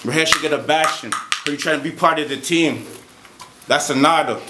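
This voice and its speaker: A man delivering a confrontational battle rap verse live, steady rhymes with the odd stumble and laugh. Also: fairly high pitch, fairly quick. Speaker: battle rapper. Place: live battle rap event in a roomy venue. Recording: roomy live venue with crowd noise.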